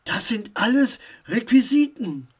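A woman voicing a quick-tempered young elf girl in a children's audiobook, speaking high and indignant. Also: sing-song, a little mellow, husky, exaggerated voice.

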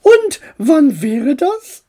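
A woman's voice: very animated, very slow, heavily acted. A woman voicing a fond, doting aunt who coos and asks questions in a storybook reading. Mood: fond cooing. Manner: cooing, high and bright.

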